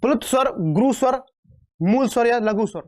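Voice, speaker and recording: A man's voice: very high voice, animated, normal speed. A man teaching an online exam-prep grammar class, chatty and joking, calling students beta and repeating terms back as questions. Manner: playful and chatty, calls students beta, throws in jokes; repeats terms and quizzes the viewers. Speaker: Hindi teacher.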